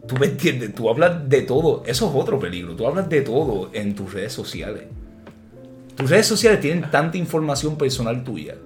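Animated Puerto Rican man telling stories. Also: mid-range voice, moderate pace, soft background music. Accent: Puerto Rican Spanish. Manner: animated, mimics voices in his stories, laughs often. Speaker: podcast host. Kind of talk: casual storytelling chat.

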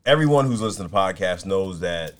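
A man's voice: low voice, lively intonation, quick pace. A man co-hosting a podcast, telling a story in casual, profane chat. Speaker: podcast co-host.

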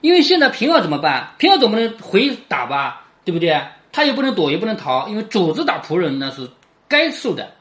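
With a medium-pitched, sing-song voice and a brisk pace, this teacher walks through a chapter of a classic novel conversationally. Sentences often end by dipping into a soft tag, and "right?" comes up again and again.

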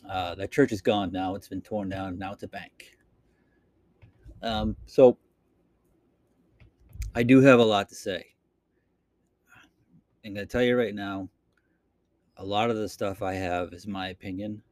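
A man's voice: on the low side, level tone, measured pace, long pauses, a little mellow, no echo. A man from Boston with a Boston accent, rambling through an unscripted solo podcast monologue into a computer microphone, with lots of fillers and restarts. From Boston, Massachusetts. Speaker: podcast host. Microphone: talking into a computer microphone.

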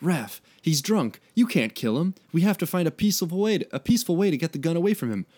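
A man reading out a fan story, voicing a gentle young male turtle hero who urges his brother to stay peaceful. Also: fairly high pitch, very animated, fast talker, voice pushed up. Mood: pleading. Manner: earnest, pleading.

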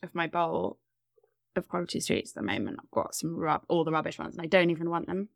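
A woman's voice: low-pitched, lively intonation, fast talker, vocal fry, no room sound, studio quality. Upbeat woman leading a game. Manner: upbeat, leads the game, laughs often. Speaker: podcast co-host. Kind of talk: casual chat.

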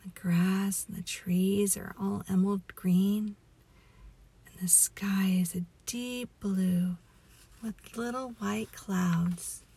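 A woman leading a guided relaxation meditation as a story, in a soothing, hushed, breathy voice that often nears a whisper. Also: mid-range voice, fairly even intonation. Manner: slow, soothing, hushed delivery.

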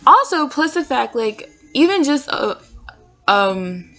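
A woman's voice: sits high, sing-song, takes it slowly, pushed and bright. A young woman, a college student, talking casually and at length in a solo podcast from her dorm room at night, with plenty of fillers. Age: young adult. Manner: casual, chatty, filler-heavy.

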